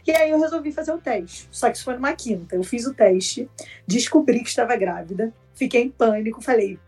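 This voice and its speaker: A woman's voice: a little high, lively intonation, fairly quick, darkish tone, breathy edge, far from the mic, faint music behind. A young woman co-hosting a podcast, telling a personal story chattily and talking straight to the listeners. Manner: chatty, addresses listeners directly. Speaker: podcast host. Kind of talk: casual storytelling chat.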